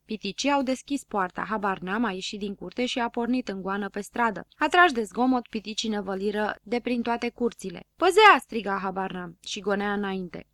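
A woman narrating a children's storybook with a lively, expressive reading. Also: mid-range voice, hardly any pauses, no echo, clean studio sound. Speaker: audiobook reader.

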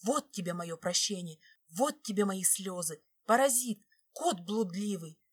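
Woman voicing a furious wife, husky and sharp. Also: medium pitch, lively intonation, normal speed. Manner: sharp, hissing, raised voice. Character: hurt, furious young wife, sharp-tongued.

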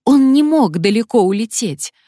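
A woman playing a shrill panicky young blogger. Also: expressive, measured pace, a little mellow, husky, dry recording, clean studio sound. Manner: shrill, babbling. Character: frightened fussy young female blogger.

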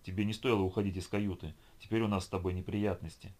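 A small, stern female creature who speaks in quiet, firm commands. Her voice sits low and level, as a male audiobook reader plays her. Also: steady tone, quick pace. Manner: firm, instructive, low-key.

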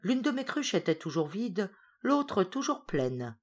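A woman reading a classic story aloud as an audiobook, with expressive, varied storytelling. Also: medium pitch, unhurried. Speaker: audiobook reader. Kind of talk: literary audiobook narration.

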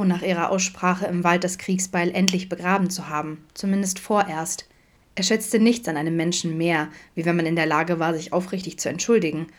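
A woman narrating fan fiction as an audiobook in a calm, measured way. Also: on the low side. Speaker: audiobook reader.

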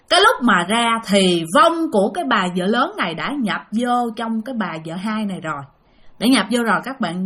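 A woman's voice: mid-range voice, a bit bright. A woman telling a ghost story in a chatty, dramatic way, speaking straight to her listeners. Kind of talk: casual ghost-story narration.

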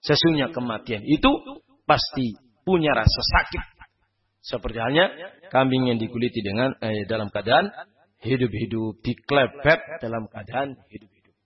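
A man preaching a study sermon, asking the audience rhetorical questions and swinging between loud and hushed delivery. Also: medium pitch, moderate pace, slightly rough, lo-fi sound.

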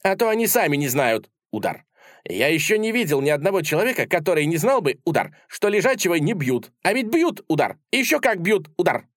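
A man's voice: on the high side, big pitch swings, a little fast, no room sound, clean studio sound, voice pushed up. A man voicing a tiny, pompous male duelist who lectures in grand, formal declarations. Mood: lecturing.

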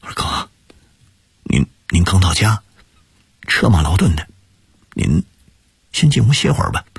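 A man voicing a grieving older brother who speaks in a halting, choked way. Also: sits low, very animated, creaky, breathy edge, dry recording, clean studio sound, heavily acted. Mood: pleading.

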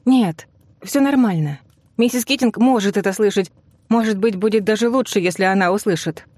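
A man's voice: high voice, normal speed, a little mellow, no echo, voice pushed up. A man reading an audiobook, voicing an anxious, flustered young woman who chatters breathlessly. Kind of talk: audiobook character voice.

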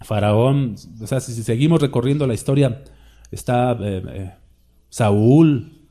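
Chatty preacher man, mellow voice. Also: mid-range voice, measured pace. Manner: conversational, asks the listeners questions; acts out quoted voices for examples. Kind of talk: sermon.

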